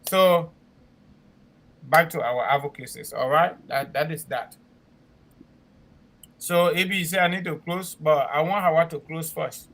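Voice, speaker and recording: A man's voice: fairly high pitch, a little slow, long pauses, a bit bright. A man with a West African accent making a spoken promotional announcement as a talk show co-host, emphatic and repeating himself for clarity. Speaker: co-host and immigration consultant.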